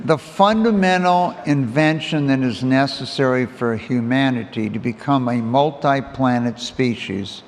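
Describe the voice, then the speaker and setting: A man moderating an interview on a conference stage, putting questions to his guest in a measured way and relaying questions from the audience. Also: medium pitch. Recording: hall reverb with faint noise.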